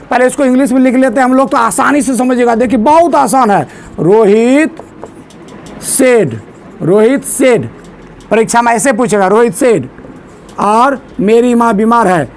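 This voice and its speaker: A male teacher giving a grammar lesson in a classroom, drilling students with repeated questions and asking them to answer loudly. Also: very high voice, a little hiss or hum. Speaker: English teacher.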